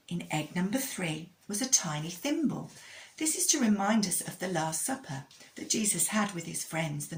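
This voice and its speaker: A woman speaking as a kids show host, telling a children's story with a religious lesson in an expressive way and addressing young listeners directly. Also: on the low side.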